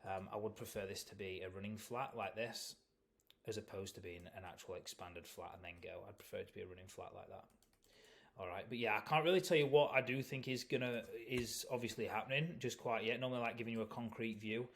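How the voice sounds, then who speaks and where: A man with a fairly low voice talking through trading charts in a loose, off-the-cuff way. He rambles, leans on filler words and takes back what he just said. Tired, casual delivery. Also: quick pace, creaky. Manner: rambling, repeats "obviously", self-correcting. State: yawning, tired. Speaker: crypto chart analyst. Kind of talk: casual market analysis video.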